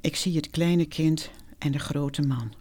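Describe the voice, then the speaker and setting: A meditation teacher telling a reflective first-person story in a calm, measured way, dropping to a whisper for quoted speech. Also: medium pitch.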